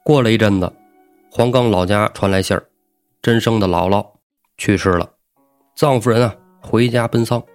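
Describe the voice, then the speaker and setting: A man's voice: fairly low pitch, moderate pace, long pauses, no echo, soft background music. Chatty storyteller man. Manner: lively, colloquial, chatty asides. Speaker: storytelling podcast host. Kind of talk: casual storytelling.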